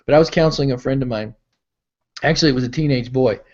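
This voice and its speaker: A man's voice: medium pitch, fast, darkish tone. A middle-aged man giving a motivational mentoring talk on a call, telling stories and acting out the voices in them. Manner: storytelling, acting out quoted voices. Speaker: mentor and pastor. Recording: dull lo-fi call audio.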